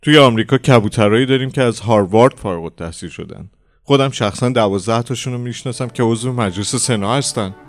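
A man voicing a distraught, whiny American speculator who pleads in a shrill, sobbing voice. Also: fairly even intonation, creaky, darkish tone, husky, heavily acted. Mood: indignant.

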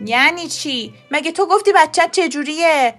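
A woman voicing a bold, scheming old grandmother who talks briskly and emphatically. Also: sits high, expressive, a bit bright, soft background music, pitched above the performer's own voice. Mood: firm.

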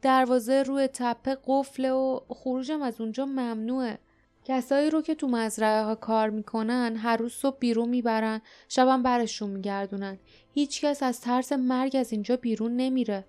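A fearful young girl, as a woman reader puts her on, her voice high and hushed with a hesitant catch. She speaks quickly and falters. A faint bed of music plays behind the storybook reading. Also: steady tone, clear, resonant tone, lightly acted. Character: frightened young female city girl.

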